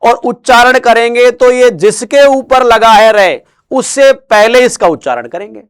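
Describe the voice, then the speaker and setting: Grammar teacher guy, high clear voice, drags words out slow to drill them in. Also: lively intonation. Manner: asks questions then answers them himself in a lower, quieter voice; drawls words out slowly to stress them. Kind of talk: classroom lecture with call-and-response.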